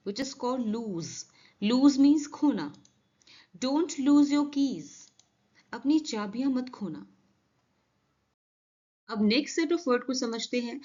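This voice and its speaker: A woman teaching English vocabulary, reading example sentences slowly and explaining quickly. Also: a little high, darkish tone, highs cut off. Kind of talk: vocabulary lesson.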